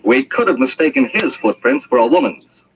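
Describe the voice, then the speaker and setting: An actor playing an insistent, cocksure police constable making accusations in an old-time radio drama. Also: male voice, mid-range voice, sing-song, moderate pace, lightly acted. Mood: accusing. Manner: insistent, triumphant. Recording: muffled, hissy old radio recording.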